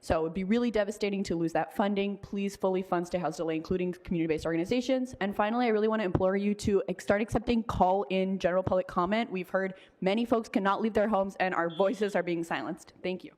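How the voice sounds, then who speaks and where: A woman's voice: mid-range voice, fast talker, hardly any pauses, darkish tone. A woman tenant advocate giving earnest public comment at a city council meeting, with some filler ums.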